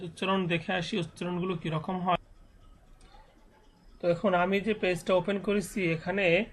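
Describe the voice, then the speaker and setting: A man teaching Quran reading, spelling out letters and syllables slowly and then explaining the pronunciation patiently. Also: high-pitched. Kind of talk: slow spelling drill and explanation.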